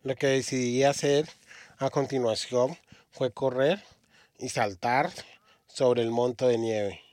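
A male preacher from Australia delivers a sermon at a middle pitch, often pausing and repeating words as he gathers his thoughts. The voice is close and dry, with hardly any room sound. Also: fairly even intonation, a little mellow, no room sound. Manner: halting, frequent restarts and repeated words. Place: church.

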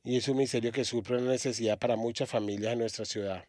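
A male preacher from Australia delivers a sermon at a middle pitch, often pausing and repeating words as he gathers his thoughts. The voice is close and dry, with hardly any room sound. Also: fairly even intonation, a little mellow, no room sound. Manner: halting, frequent restarts and repeated words. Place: church.

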